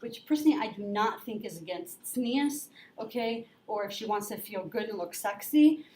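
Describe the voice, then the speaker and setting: A woman's voice: mid-range voice, animated, normal speed, a little mellow. A woman chatting and debating casually, blunt and informal, peppering her talk with "like" as she raises questions. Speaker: discussion partner posing questions. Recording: echoey room with faint noise.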